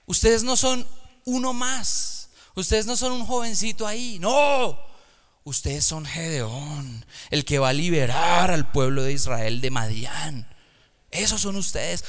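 A man preaching a lively sermon to young people in a church, swinging from hushed, slow words to loud, emphatic calls. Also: a little high. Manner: dynamic, swings from hushed to shouting. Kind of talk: sermon to youth.

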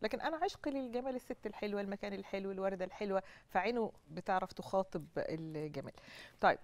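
Fast-talking Egyptian woman astrologer. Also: mid-range voice, no echo. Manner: explains confidently in lists. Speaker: astrologer guest. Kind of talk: studio talk-show discussion.

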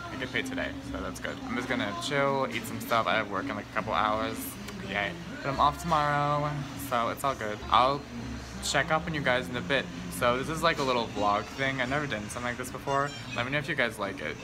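A man's voice: on the low side, rough recording. Rambling young American man vlogging. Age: young adult. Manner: rambling, informal. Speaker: beauty vlogger. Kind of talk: casual vlog chat. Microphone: phone at arm's length.

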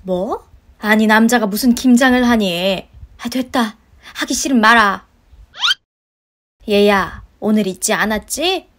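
A woman's voice: mid-range voice, unhurried, long pauses, a bit bright, slight background noise, natural voice. A woman voicing a pushy, guilt-tripping older mother-in-law in a story-radio drama, scolding and sighing. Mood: nagging. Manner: scolding, wheedling, sighs of complaint.

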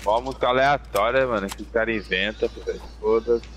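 A man from Espírito Santo chatting casually with a fellow player during a game, mostly laid-back but quick with urgent callouts. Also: on the low side. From Espírito Santo, Brazil. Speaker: teammate. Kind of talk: casual gaming chat. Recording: noisy voice chat audio.

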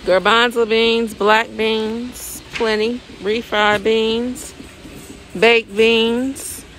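A woman from California, speaking very slowly in a fairly high but flat voice, vlogs her trip from a car into a big warehouse store with her phone held at arm's length. She keeps up a chatty commentary, repeating things as she spots them. The audio is poor, with loud store noise in the background.

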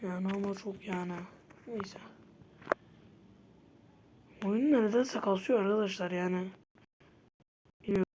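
Mellow-voiced woman gaming, easily frustrated. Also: mid-range voice, unhurried, long pauses, a little hiss or hum. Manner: easily frustrated, bursts out in loud protests. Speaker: gamer. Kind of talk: casual gameplay commentary.

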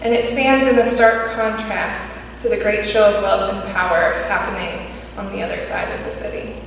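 A woman's voice: medium pitch, little pitch movement, vocal fry, slight background noise. Young woman preaching in an echoey church. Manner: measured, read from notes at a pulpit. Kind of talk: sermon. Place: church sanctuary. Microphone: pulpit mic at a distance. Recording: echoey church hall, distant mic.

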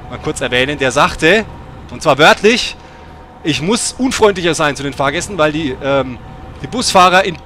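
A man's voice: a little high, bright, forceful tone, slight background noise. A middle-aged man hosting a bus simulator let's play, chatting and breaking into sudden swearing rants. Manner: swears and rants in angry outbursts.

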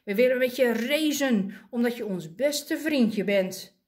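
A woman's voice: on the high side, lively intonation, measured pace, darkish tone. A woman voicing a group of cheerful little penguin friends who call out eagerly.

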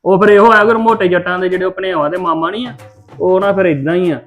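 Punjabi man, quick-fire and mocking, slightly high voice, lo-fi dull sound; brash younger-brother type. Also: steady tone, a bit bright, soft background music. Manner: boastful, teasing, brash. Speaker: brother in a family drama. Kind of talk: Punjabi web-series acting.

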